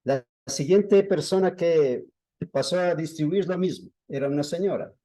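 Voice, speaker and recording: A man preaching a sermon to a small congregation, telling stories slowly and deliberately. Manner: slow, deliberate storytelling with lively pitch swings.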